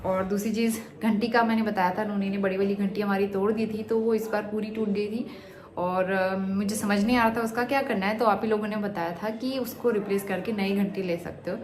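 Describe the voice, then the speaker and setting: A woman's voice: medium pitch, steady tone, brisk. A young woman vlogging from her home, chatting casually to viewers about her day. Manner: warm, homely and talkative, speaking to viewers and her child. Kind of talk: casual chatty vlog narration. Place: at home, indoors.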